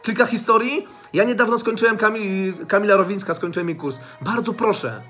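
A man's voice: high voice, fairly quick, sharp tone, faint music behind. A man giving a blunt motivational monologue to his channel, swearing freely and repeating his points over and over. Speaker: motivational vlogger.

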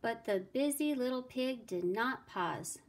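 A woman teacher reads a fairy tale aloud to children. She takes her time, with a slightly high voice and a deliberate, expressive storybook delivery.

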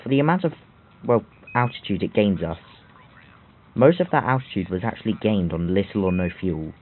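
Rambling man with tinny phone-like sound. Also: low voice. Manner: rambling, self-mocking asides. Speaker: game tutorial host. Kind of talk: game walkthrough commentary.

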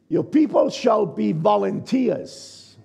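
A New Zealand pastor in his sixties preaches a sermon from the stage of a large indoor church hall, his voice croaky and gravelly yet high-pitched and dark in tone. He speaks conversationally, checking in with the congregation. The sound comes from a stage mic at a lectern, with the camera far away.

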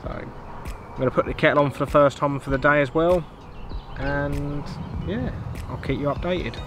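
A young English man vlogging by a lake from his fishing tent, talking in a relaxed, understated way to the camera mic. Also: fairly high pitch, normal speed. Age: young adult. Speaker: angler vlogger. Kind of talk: casual vlog narration. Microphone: camera mic, seated in front of camera. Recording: outdoor recording with clear ambient noise.

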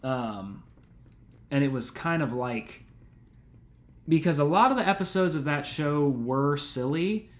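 A let's play streamer in his twenties rambles through live gameplay commentary in a slightly high, animated voice, speaking a little slowly with long pauses. He's relaxed and casual, dropping plenty of "um," "dude," and "man."

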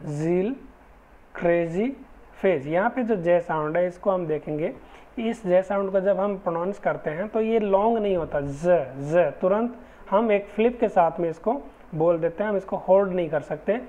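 A man teaching English phonetics in a slow, patient lecture, repeating each example word with care. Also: high voice. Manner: patient, deliberate, repeats example words slowly. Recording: dull lo-fi recording.

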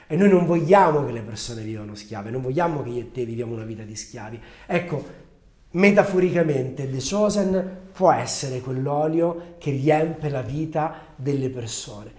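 A man hosting a livestream, talking earnestly and slowing down to stress his points. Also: mid-range voice, animated, crowd noise. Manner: earnest, storytelling, slows down for emphasis. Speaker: host of a promotional livestream. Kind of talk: casual livestream talk with a Bible reading. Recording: roomy echo.

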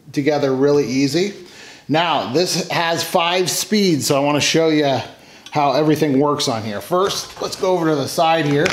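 A man's voice: fairly high pitch, slight background noise. A middle-aged man casually showing a benchtop tool in his home garage workshop, explaining plainly and correcting himself as he goes. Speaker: homesteading channel host. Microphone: camera mic off-screen, hands in frame.

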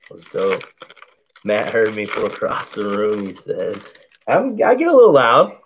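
A man with a deep, bass-rich voice runs a card break at an indoor table covered in cards, calmly calling out each baseball card he opens. His casual play-by-play is slow and laid-back, and there is noticeable noise in the background.

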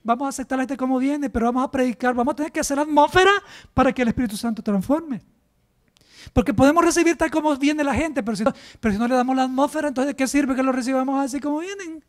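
Very high-voiced man preaching. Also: fast, darkish tone. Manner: emphatic, rhetorical questions to the congregation. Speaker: pastor. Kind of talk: sermon.

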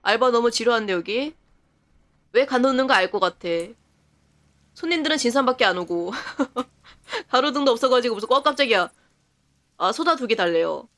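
Chatty woman streamer, slightly high voice. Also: lively intonation, fairly bright tone. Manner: chatty, laughs often, talks to herself while playing; reacts to the game with quick surprised remarks. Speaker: game streamer. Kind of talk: live game commentary.

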